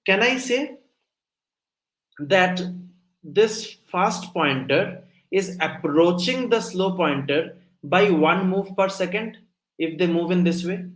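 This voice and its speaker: A man's voice: sits high, slow, a bit bright, roomy sound, poor audio. A young man giving a live online coding lecture, explaining step by step and often checking whether listeners follow. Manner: explanatory, asks frequent check-in questions. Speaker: coding instructor.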